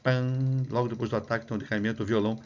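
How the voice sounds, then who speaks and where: Brazilian male lecturer, low voice, methodical, demonstrates syllables aloud, dull lo-fi recording. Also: flat delivery, very fast, soft background music. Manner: explanatory, demonstrates syllables aloud, frequent "né?" tag. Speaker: music researcher and clarinet teacher.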